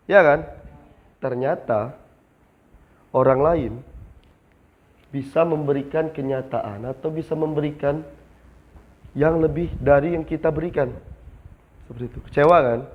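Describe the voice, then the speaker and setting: A young man training new retail staff in a classroom, asking the class questions and answering them himself. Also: a little high. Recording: slightly dull lo-fi sound.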